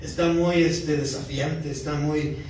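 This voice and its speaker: A pastor giving a conversational sermon, often checking in with the congregation. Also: male voice, on the high side, fairly even intonation, unhurried, darkish tone, a little hiss or hum. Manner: conversational preaching, often asking the congregation "¿verdad?". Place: church sanctuary. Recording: echoey church hall from far off.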